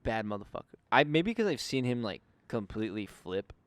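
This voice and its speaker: A man's voice: on the low side, sing-song, a little fast, no echo. A young man co-hosting a casual podcast chat, loose and profane with lots of slang. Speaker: podcast co-host.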